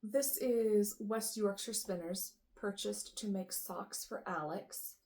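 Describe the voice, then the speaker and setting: A woman hosting a knitting show, sorting yarn and thinking aloud in a casual, unsure way, with a rough morning voice. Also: mid-range voice, slow pace, darkish tone. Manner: musing aloud, unsure, lots of ums and trailing off. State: rough morning voice with the odd cough. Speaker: knitting podcast host.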